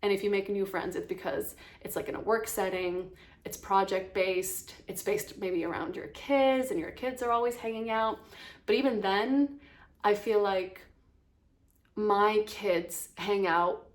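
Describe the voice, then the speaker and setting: A woman's voice: medium pitch, unhurried. A woman from Iceland in her thirties talking casually to camera as a vlogger, chatty and full of fillers. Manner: chatty, many fillers, lively stresses.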